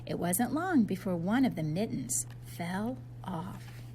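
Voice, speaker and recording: Her pitch is medium as she reads a storybook to young children at an unhurried, even pace. The woman's delivery is lively and instructive, aimed right at the kids through simple questions and asides, and there's some soft noise in the background.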